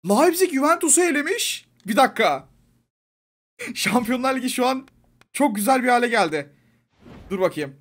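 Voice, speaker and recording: A young man giving casual, excitable commentary over a football video game, pleading with the coach and yelling at the referee. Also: extremely high pitch. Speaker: gaming YouTuber. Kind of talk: live gameplay commentary.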